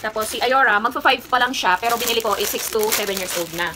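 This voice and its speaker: A young woman in her twenties with a Kapampangan accent talks through a casual haul vlog, rambling and pausing with fillers. Her voice sits a little high. The home recording has steady noise underneath. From Philippines. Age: 20s. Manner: chatty, rambling, with frequent fillers. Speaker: vlogger.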